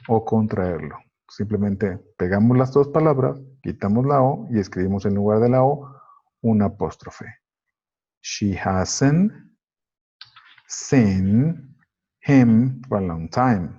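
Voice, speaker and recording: Slow, dark-voiced man teaching grammar. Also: lowish voice, slightly rough. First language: Spanish. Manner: slow, methodical, explains step by step. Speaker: English teacher. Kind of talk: grammar lesson. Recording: dull lo-fi recording.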